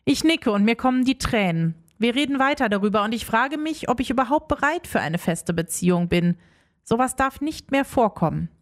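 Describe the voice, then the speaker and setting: A young woman narrating a first-person story in an expressive, emotional way. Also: on the high side, a little fast. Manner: expressive, emotional, acts out dialogue.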